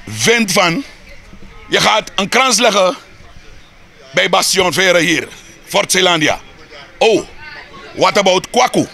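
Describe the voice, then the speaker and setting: Impassioned Surinamese man, high raspy voice. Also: sharp tone. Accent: Surinamese Dutch. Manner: heated, rhetorical, repeats words when building a point. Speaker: interviewee. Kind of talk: street interview.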